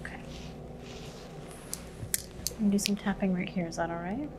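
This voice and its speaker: A soft-spoken woman in an ASMR medical exam, acting as examiner and calmly explaining each step with gentle instructions. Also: medium pitch, normal speed, background noise.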